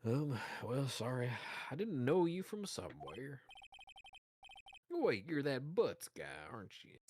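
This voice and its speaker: Man playing a gruff, wary cop with a put-on country accent, lively swoops in pitch. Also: measured pace, slight background noise. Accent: Southern US country, put on. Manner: drawling tough-guy talk, calls people pal. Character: gruff male police detective, folksy and suspicious.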